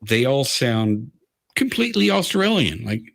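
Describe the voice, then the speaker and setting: A man's voice: mid-range voice, sing-song, measured pace, creaky. A man hosting a livestream, rambling and ranting with lots of swearing. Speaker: livestream host. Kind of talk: casual livestream chat.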